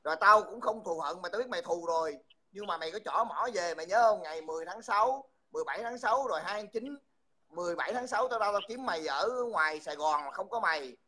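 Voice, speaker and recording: A man's voice: sits high, expressive, quick pace, bright, forceful tone, breathy edge. A man, hosting a livestream and mockingly insulting someone over and over. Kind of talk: heated livestream taunting.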